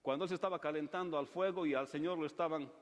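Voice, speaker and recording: A man's voice: fairly high pitch, fast talker. A man preaching a sermon as pastor, retelling scenes dramatically. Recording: long church reverb.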